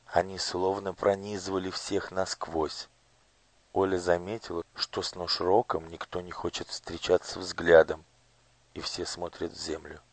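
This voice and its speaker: A man narrating a storybook in a measured, expressive reading. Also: low voice.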